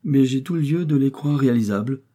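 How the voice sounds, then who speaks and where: An imperturbable, stiff provincial notary speaks in formal, measured phrases, as a man reads him. The voice is dark and husky, part of a spoken storybook. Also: medium pitch, voice pushed up, lightly acted. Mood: composed. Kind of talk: audiobook character voice.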